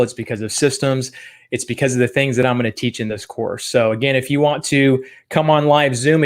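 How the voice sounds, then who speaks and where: Upbeat man hosting a live training. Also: medium pitch. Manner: upbeat, rambling, many fillers. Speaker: business trainer. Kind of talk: live-streamed training talk.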